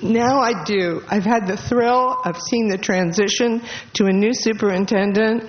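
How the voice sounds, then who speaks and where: Tearful woman giving a farewell speech. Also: medium pitch. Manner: emotional, halting, laughing through tears. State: tearful, voice catching. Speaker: departing school board member. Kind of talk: farewell speech at a public meeting. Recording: dull lo-fi meeting recording with faint noise.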